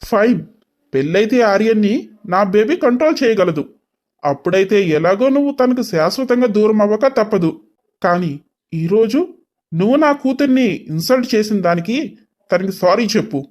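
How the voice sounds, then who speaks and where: A man voicing a stern, controlling father in an animated storybook, speaking in a commanding, scolding way. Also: sits high, moderate pace. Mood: angry scolding. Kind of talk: storybook voice acting.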